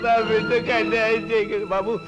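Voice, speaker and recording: A man acts a guilt-stricken father begging for forgiveness on his daughter's behalf. His voice is high and tearful, with a strong film score under it. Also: completely flat delivery, fairly quick, highs cut off, over loud music, natural voice. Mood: pleading. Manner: pleading, tearful. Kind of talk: Telugu film drama acting.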